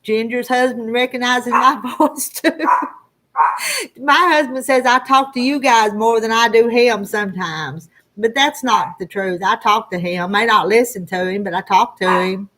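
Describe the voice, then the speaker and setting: Through poor audio comes a slightly high, bit bright voice at normal speed. It's a woman in her sixties, a livestream host from the Arkansas Ozarks foothills, chatting casually and homespun with a rural Southern Ozark country accent, rambling in a folksy way.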